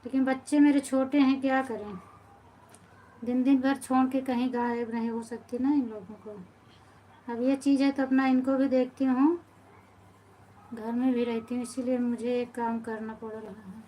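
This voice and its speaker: This live-stream host, a folk singer in her thirties, speaks Hindi with an Awadhi inflection, calls out viewers by name, and grumbles that she is tired and busy. Her voice sits on the high side yet has a dark tone, steady and at normal speed, with some hiss or hum on poor audio.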